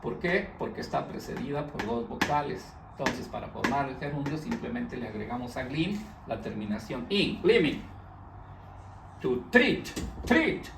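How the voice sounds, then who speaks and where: Man, grammar lesson, gravelly voice, echoey room heard from a distance. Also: mid-range voice, animated, normal speed, few pauses, noisy background. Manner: patient, repetitive explaining, stressing English words. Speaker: English teacher.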